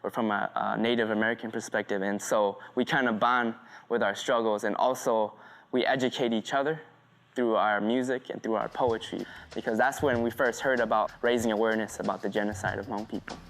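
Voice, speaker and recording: A man's voice: lowish voice, fairly even intonation, fairly quick, fairly bright tone. A man from Thailand, a spoken word artist and teacher, talking earnestly and reflectively in a documentary interview, often restarting his sentences.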